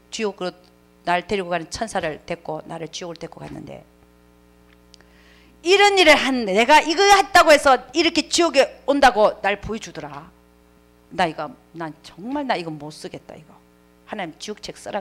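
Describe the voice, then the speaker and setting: A woman pastor telling a testimony in a sermon, swinging between hushed whispers and loud exclamations. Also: on the low side. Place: church.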